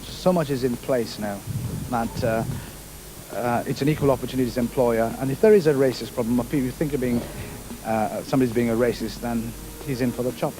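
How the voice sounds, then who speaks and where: A middle-aged man from Kenya, a navy petty officer answering interview questions in an unhurried, hesitant way with many fillers. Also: mid-range voice, background noise.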